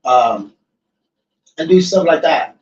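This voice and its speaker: A man's voice: a little high, lively intonation, slow. A man hosting a casual podcast chat, laid-back and swearing freely as he tells stories. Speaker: podcast host. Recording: echoey, distant, dull room mic with faint noise.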